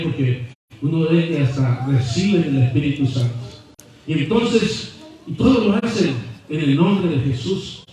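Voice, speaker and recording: A male pastor delivers a sermon, moving between wry storytelling asides and fervent, rising declarations. His voice sits a little high for a man. The recording is heavily echoey and picked up from a distance, like a church sanctuary heard from across the room. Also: darkish tone. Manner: storytelling preacher with humorous asides and fervent build-ups.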